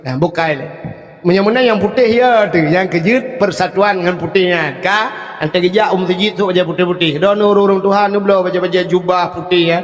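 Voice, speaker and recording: High-voiced Acehnese preacher in echoing hall. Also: male voice, a little fast. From Aceh, Indonesia. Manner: lively storytelling with sudden shouts. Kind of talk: humorous sermon. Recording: long hall reverb.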